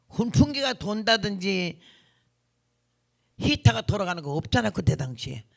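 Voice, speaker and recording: A woman in her seventies, a missionary revival preacher, telling her testimony in a vivid, blunt, folksy way, acting out what people said. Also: medium pitch. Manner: vivid, blunt, folksy storytelling with acted quotes. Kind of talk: sermon testimony storytelling.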